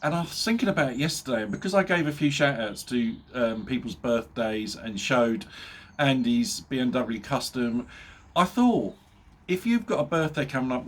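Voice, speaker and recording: Blocked up with a cold, a middle-aged man who vlogs about motorbikes talks casually to his viewers in a medium-pitched voice with a breathy edge. He jokes, chuckles at himself and fills the gaps with lots of ums.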